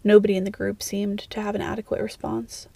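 A woman reading a fan fiction story aloud as narrator in a steady, even way. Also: mid-range voice, fairly quick, creaky, no echo.

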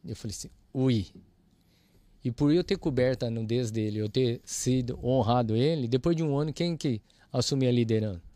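A man shares a church testimony in a lively, conversational way. He plays out both sides of the conversations as he tells the story. His voice sits in a middle pitch and sounds dry and close. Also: brisk, no room sound. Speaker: guest, church audio ministry leader.

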